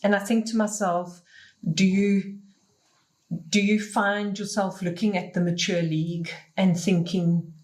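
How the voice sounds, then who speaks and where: A woman's voice: medium pitch, flat delivery, a little slow, darkish tone. A middle-aged woman hosting a podcast panel, speaking thoughtfully with fillers and restarts. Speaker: podcast host. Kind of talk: casual panel discussion.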